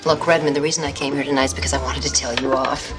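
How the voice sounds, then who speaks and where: An actress playing a sharp-tongued woman with dry, sarcastic wit, in sitcom acting. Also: rumbling low, steady tone, very fast. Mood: wry. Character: sharp-tongued woman facing her old lover. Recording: music playing underneath.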